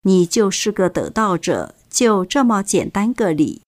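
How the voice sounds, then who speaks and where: A woman reading a first-person reflection aloud as scripted narration, measured and deliberate. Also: mid-range voice, big pitch swings, darkish tone. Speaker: reader.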